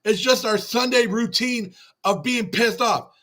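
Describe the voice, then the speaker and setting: High-voiced man ranting on a livestream. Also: a little slow, a bit bright. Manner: emotional, repetitive, talking it through with chat. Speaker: fan channel host on a livestream. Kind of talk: livestream postgame rant.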